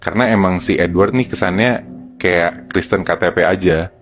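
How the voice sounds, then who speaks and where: Low-voiced Jakarta man telling horror stories. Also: normal speed. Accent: Jakarta Indonesian. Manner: colloquial, step-by-step narration. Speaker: podcast storyteller. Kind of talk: casual horror storytelling to friends.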